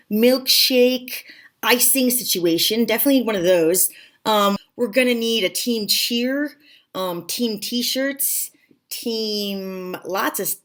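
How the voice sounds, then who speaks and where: A young woman vlogging comic advice in a bubbly, self-mocking way with quick asides. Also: on the high side. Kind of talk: scripted comedic vlog advice.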